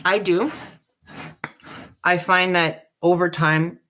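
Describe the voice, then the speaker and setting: A woman hosting a live dot painting tutorial, chatty and relaxed, joking about her own nerves. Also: on the low side, slow pace. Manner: chatty, relaxed, self-deprecating. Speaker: craft tutorial host.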